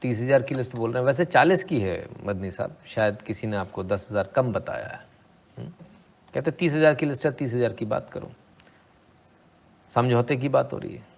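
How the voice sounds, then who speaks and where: A man's voice: mid-range voice, expressive, brisk, vocal fry, darkish tone. A man commenting on debate clips in a sarcastic, rhetorical way, often asking the listener "hmm?". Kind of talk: opinionated video commentary.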